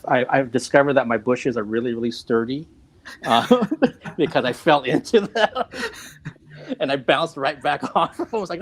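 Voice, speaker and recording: On a video call, a man in his fifties chats casually, rambling, poking fun at himself, and laughing frequently. His voice is medium-pitched and somewhat bright.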